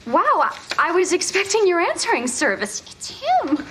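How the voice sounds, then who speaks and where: A woman's voice: very high voice, wildly swooping pitch, normal speed, full character voice. An actress playing a practical young mother with a dry, sarcastic manner. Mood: flustered. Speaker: wife and mother. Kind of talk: sitcom acting.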